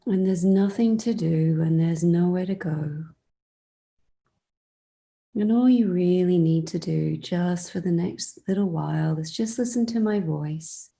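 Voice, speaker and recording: With long pauses separating her phrases, a woman talks listeners through a meditation in a soft, gentle, soothing voice that turns breathy now and then. Her pitch is fairly low.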